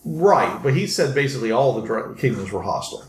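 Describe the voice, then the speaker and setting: A male game master narrates and explains a tabletop game. His phrasing is halting, with words repeated as he thinks. He is in an echoey room with clear noise. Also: medium pitch, big pitch swings. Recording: roomy echo, clear background noise.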